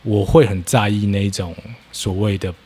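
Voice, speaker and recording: A man's voice: lowish voice, level tone, moderate pace, mellow, slightly rough. A man with a Taiwanese Mandarin accent chatting casually and candidly, reflecting on himself and often checking that his listener follows.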